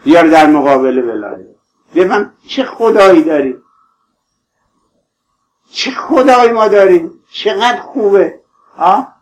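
Man, high-pitched, preaching, impassioned, pleading, tender toward listeners. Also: very animated, pauses often, low-quality recording. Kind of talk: sermon.

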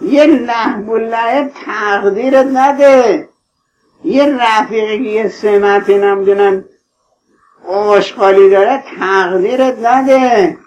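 A man's voice: high-pitched, darkish tone, highs cut off, slight background noise. A man preaching a sermon, impassioned and pleading, tenderly addressing his listeners.

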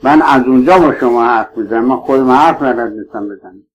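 A man's voice: medium pitch, low-quality recording. A man preaching a sermon to his listeners, emphatic and pleading, swearing oaths to stress his points.

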